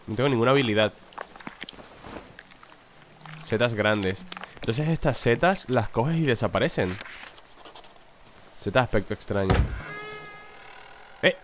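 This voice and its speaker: A man's voice: mid-range voice, moderate pace, long pauses, noisy background. A man commentating his horror game session, jumpy and swearing, reading item names aloud. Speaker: gaming video host. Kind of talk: let's play commentary.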